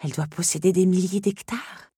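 An eager, wide-eyed young heroine from a storybook, her voice pitched up and lively with excitement, as a woman narrator voices her. The tone keeps a husky edge and a close, dry sound. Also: normal speed, no echo.

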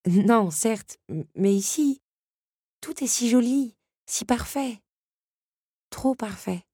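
A young heroine from a storybook reading, earnest and wistful, her voice raised above the narration, as a woman plays her. Husky tone, dry close recording. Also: on the high side, slow pace, mellow, dry recording, pitched above the performer's own voice. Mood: uneasy.

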